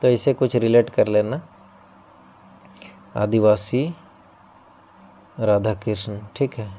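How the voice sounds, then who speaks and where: A man's voice: fairly low pitch, fairly even intonation, slow pace, dark tone. A man teaching an exam-prep class, explaining through playful memory tricks and often checking in with his students. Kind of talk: coaching-class lesson.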